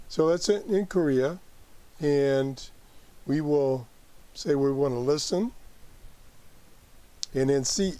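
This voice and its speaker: A man giving a casual live app tutorial as host, haltingly thinking aloud as he works through it. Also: mid-range voice, dark tone. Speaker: host demonstrating a radio app.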